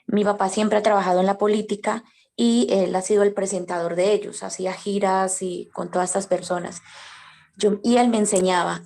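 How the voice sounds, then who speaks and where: A woman speaks up in an online class to share a personal story. She sounds shy and tentative, and her voice is soft, at a middle pitch. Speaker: student in the class.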